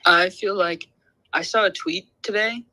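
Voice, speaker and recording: A young man, an artist and guest, chatting in a bubbly, fast way with frequent laughs and many fillers. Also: sits high, fairly even intonation, sharp tone, no echo, low-quality recording. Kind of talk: casual chat on a podcast.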